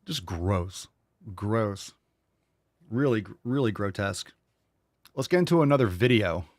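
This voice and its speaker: A man's voice: lowish voice, expressive, unhurried, darkish tone, no room sound, clean studio sound. A man hosting a casual live commentary show, talking bluntly and profanely in a mocking way. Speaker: show host.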